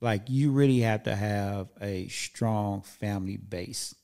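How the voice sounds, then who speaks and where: A man's voice: lowish voice, slow, gravelly, darkish tone. A man in his forties hosting a podcast, giving candid, casual advice and swearing now and then. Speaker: podcast host. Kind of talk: casual chat.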